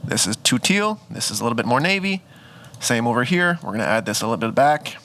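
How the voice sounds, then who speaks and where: A man's voice: medium pitch, big pitch swings, quick pace, pushed and bright. A man, a photographer, walking through his photo edits in a casual, chatty tutorial, thinking aloud and correcting himself as he goes. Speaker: photographer teaching photo editing. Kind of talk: casual screen-recorded editing tutorial.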